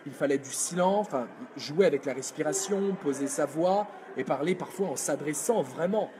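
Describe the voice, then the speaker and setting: A man coaching public speaking in a live video workshop, energetic and demonstrative, answering viewers' comments. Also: fairly high pitch, moderate pace, background noise. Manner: energetic, demonstrative, reads chat comments aloud.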